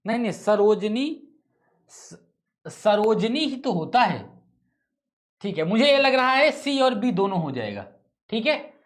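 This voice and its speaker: A man's voice: high voice, sing-song, takes it slowly, long pauses. A male teacher leading an online test-solving class, repeating each question, thinking aloud, correcting himself and tossing casual asides to students. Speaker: exam-prep teacher.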